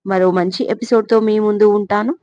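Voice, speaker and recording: A woman's voice: mid-range voice, fairly even intonation, brisk, dark tone, dry recording, lo-fi sound. A woman storyteller narrating a serialized love story, reading every character in her own voice.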